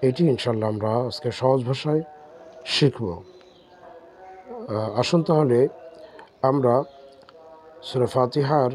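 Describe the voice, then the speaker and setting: A man teaching Quran reading step by step, spelling out letters and drawing out syllables slowly. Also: medium pitch, a little mellow, faint music behind. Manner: slow, drawn-out syllable drills. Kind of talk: step-by-step recitation lesson.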